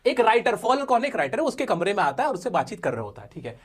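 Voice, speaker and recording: A man's voice: high-pitched, huge pitch swings, very fast, breathy edge. Playful male teacher quizzing himself. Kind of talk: animated exam-prep lecture.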